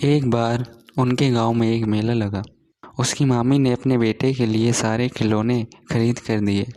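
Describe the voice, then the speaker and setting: A male narrator reads a scripted children's tale slowly in a mellow, medium-pitched voice. His intonation stays fairly even with little rise and fall, and faint music plays behind him.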